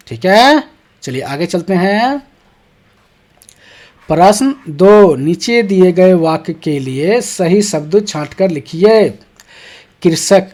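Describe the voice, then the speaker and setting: A teacher explains textbook exercises to young schoolchildren at a deliberately slow, easy pace. Each question is read out first and then answered step by step. Regular "ठीक है" check-ins keep the lesson moving. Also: mid-range voice, darkish tone.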